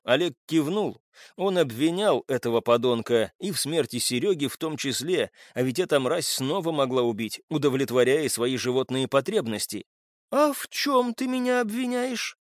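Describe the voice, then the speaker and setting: A man narrating an audiobook in an expressive, scripted reading on a close mic. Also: medium pitch, normal speed, no room sound.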